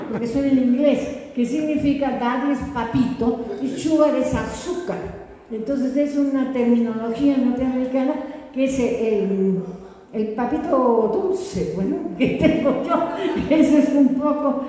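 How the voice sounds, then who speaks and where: Older woman, lecturer, slightly high mellow voice, ironic rhetorical questions, very echoey hall. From Peru. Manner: conversational, ironic, tags points with rhetorical questions. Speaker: sociologist lecturer. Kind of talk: political lecture. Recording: echoey hall with long reverb.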